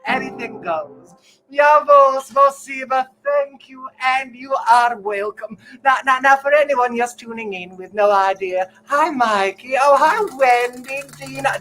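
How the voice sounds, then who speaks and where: A woman's voice: on the high side, a bit bright. A woman playing a grand, campy drag-queen-style Eastern European countess and cabaret diva, with a vaguely Eastern European accent and effusive, stammering, theatrical delivery. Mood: gushing, playful. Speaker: cabaret performer and host. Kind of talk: livestreamed cabaret chat with piano songs. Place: at home in an apartment. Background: piano music.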